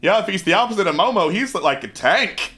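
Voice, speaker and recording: Man, game master, casual jokey narration, bright tone, lively intonation. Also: sits high, fairly quick.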